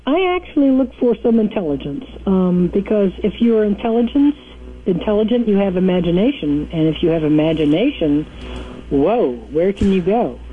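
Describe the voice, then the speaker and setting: A woman's voice: mid-range voice, expressive, moderate pace. A woman caller speaks with her phone held away from her face, so her voice comes through distant and faint. The line is narrow and tinny, like a call patched into a radio show. She talks in a playful, teasing way. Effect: phone held away from her mouth, sounding distant. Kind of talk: casual call-in radio chat.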